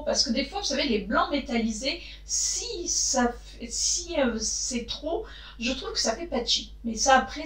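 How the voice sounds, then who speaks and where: A woman chatting casually to her viewers as she reviews makeup, often pausing to hesitate and talking straight to the camera. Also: high voice, echoey room. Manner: chatty, frequent hesitations, addresses viewers directly. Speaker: beauty vlogger.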